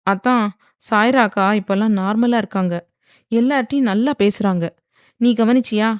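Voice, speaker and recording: Casting: a teasing, pouty young wife with quick comebacks, read by a woman narrator. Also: on the high side, no room sound, studio quality, pitched above the performer's own voice, close to an everyday voice. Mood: earnest. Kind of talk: dramatized audiobook reading.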